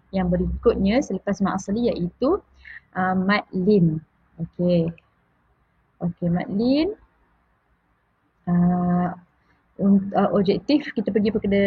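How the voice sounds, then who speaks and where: Husky-voiced Malaysian woman teaching slowly. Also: medium pitch, no echo, phone-quality sound. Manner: hesitant, many fillers and restarts, repeats key points. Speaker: tajwid teacher. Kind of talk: casual spoken lesson.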